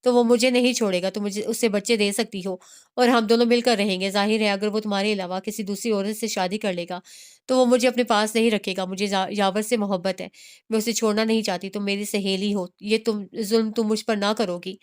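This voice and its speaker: Woman reading pushy scheming friend, coaxing, smooth voice, mid pitch. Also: fairly even intonation, close to an everyday voice. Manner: coaxing, insistent.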